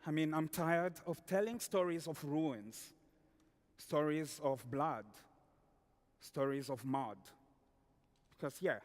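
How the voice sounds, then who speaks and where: A man from the Democratic Republic of Congo, a storyteller giving a slow, declamatory spoken-word performance in a large hall, repeating phrases for effect. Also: fairly high pitch. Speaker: storyteller and dancer. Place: large hall during an awards ceremony. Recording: long reverb of a large hall.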